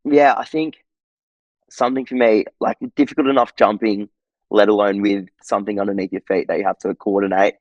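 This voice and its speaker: A man's voice: fairly low pitch, steady tone, brisk, darkish tone, no room sound, highs cut off. A young Australian man chatting casually as a podcast guest, laid-back and full of "like" and "um". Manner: laid-back, lots of filler "like" and "um". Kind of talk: casual interview chat.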